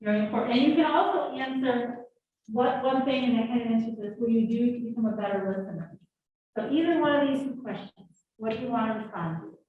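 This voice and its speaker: This woman talks fast in a slightly high voice, with a faint hiss or hum underneath. She's leading a leadership workshop live in a classroom, energetically prompting the audience to answer. The recording comes from an echoey room through a far-off, muffled microphone.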